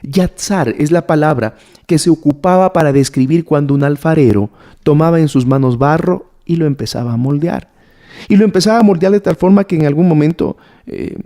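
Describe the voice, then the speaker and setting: In sermon-style Bible teaching, a man preaches to a gathered audience, repeatedly questioning his listeners and repeating key words to drive his points home. His voice sits a little high and has a dark tone.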